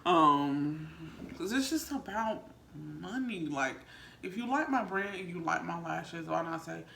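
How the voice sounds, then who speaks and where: A woman with a gravelly, fry-laden voice talks casually to her viewers as a mukbang vlogger. Her delivery rambles conversationally, and the room rings with noticeable echo over faint background noise. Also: on the low side, lively intonation, a little slow, fairly bright tone. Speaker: vlogger and small business owner.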